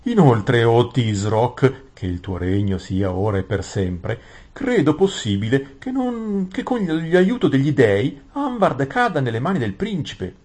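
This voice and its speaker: A flattering old grand vizier, as a male narrator puts him on, all flowery praise and pitched a little higher. The tone stays husky and breathy underneath. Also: measured pace. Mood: fawning.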